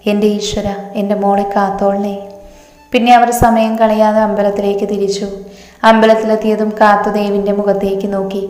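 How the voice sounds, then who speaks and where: A woman storyteller narrating a scripted story in a steady, measured way. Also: mid-range voice. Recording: roomy reverb with faint music.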